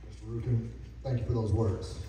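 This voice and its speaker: A man's voice: lowish voice, level tone, a little fast. A man acting as master of ceremonies, making formal, polite announcements. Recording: echoey hall, mic far off, noisy.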